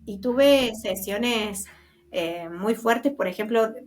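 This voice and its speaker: An Argentine woman speaks slowly in a mid-range voice with an Argentine Spanish accent. A guest medium in a casual interview, she tells stories animatedly, acting out the voices of people she quotes and laughing now and then.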